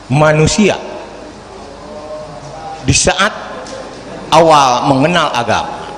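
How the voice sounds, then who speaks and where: A man in his sixties asks a question at a religious gathering, in a formal, animated way that rises to loud, emphatic bursts. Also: mid-range voice. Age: 60s. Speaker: audience member asking a question. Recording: echoey hall with faint background hiss.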